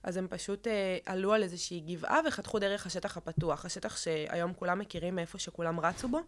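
A young woman speaks as an interview guest, recounting a personal ordeal in a low voice. She talks haltingly, with many fillers and restarts. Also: steady tone. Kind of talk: emotional personal account in an interview.

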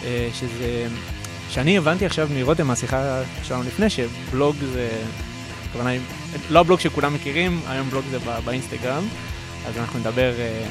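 A man hosting a casual radio-studio podcast interview, eager and excitable, with rambling questions. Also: mid-range voice, over music. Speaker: podcast host.

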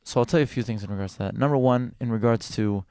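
A man's voice: mid-range voice, fast, a little mellow, smooth, no echo, studio quality. A man hosting an interview, chiming in agreeably and telling stories. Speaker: host. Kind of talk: casual interview talk.

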